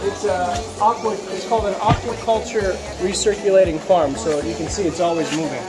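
A middle-aged man giving a casual outdoor tour of his fish farm, talking haltingly with many fillers and restarts. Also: high voice, fairly even intonation, rough recording. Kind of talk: casual walking tour explanation. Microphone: handheld camera nearby. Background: loud music added over the talk.

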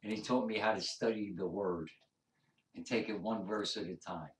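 A man's voice: lowish voice, fairly even intonation, normal speed. A man giving an informal sermon as an evangelist, teaching in an earnest, emphatic TV-preacher manner. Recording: echoey room, distant microphone.

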